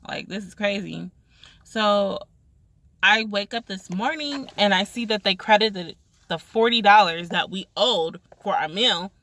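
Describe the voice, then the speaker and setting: A woman's voice: mid-range voice, no echo. A woman vlogger telling a frustrating restaurant story in casual chat, acting out what each person said. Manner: animated retelling, acts out quoted lines.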